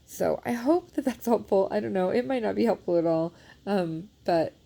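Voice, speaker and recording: Sniffling and congested, a woman demonstrates a knitting repair in a casual how-to recorded on a phone held nearby. Her medium-pitched voice is mellow and expressive with vocal fry, at a moderate pace. She's a knitting instructor who chats in an apologetic, self-deprecating way, using many fillers.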